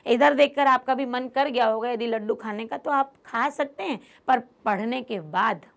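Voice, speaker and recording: A woman teacher with a high voice explains a Sanskrit text word by word. She reads each line aloud, then translates it, giving the characters' speech a livelier delivery. Her voice has a gravelly, fry-edged texture. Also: moderate pace. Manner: acts out the characters' lines in a livelier voice.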